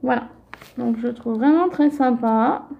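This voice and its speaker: A woman vlogger chatting casually as she shows off crafting mail she received. She talks gently and often fills with little connecting words. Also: fairly high pitch, measured pace, vocal fry, highs cut off.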